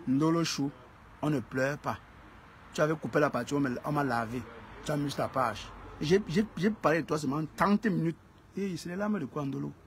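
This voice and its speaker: A man's voice: a little high, moderate pace, a little hiss or hum. A man hosting a casual live stream, greeting viewers by name and repeating phrases for emphasis.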